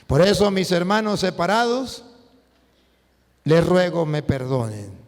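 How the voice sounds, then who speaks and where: Priest guy preaching, highish voice, jumps loud and soft a lot, long echo tail. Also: a little slow. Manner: animated storytelling with sudden swings in pitch and loudness. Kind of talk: preaching sermon. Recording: long hall reverb.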